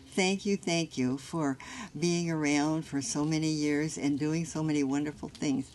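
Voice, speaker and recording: An older woman with a notably low voice gives a thank-you speech outdoors, pausing often with fillers. Faint outdoor noise sits behind her. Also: darkish tone. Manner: halting, with many fillers. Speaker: guest of honor. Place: outdoor county park.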